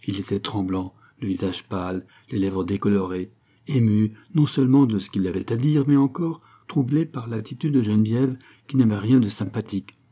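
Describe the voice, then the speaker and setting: A man reading a classic novel aloud as an audiobook narrator, in a measured, steady way. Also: lowish voice.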